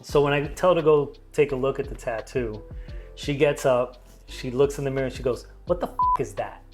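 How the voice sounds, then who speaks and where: Tattoo guy rambling thru a story, lots of "you know", bit of music playing low. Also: steady tone, fairly quick, darkish tone. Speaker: tattoo artist. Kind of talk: casual storytelling chat.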